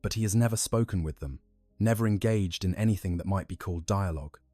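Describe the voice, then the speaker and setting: A man giving measured, scripted story narration. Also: low voice, mellow, no echo. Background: faint music.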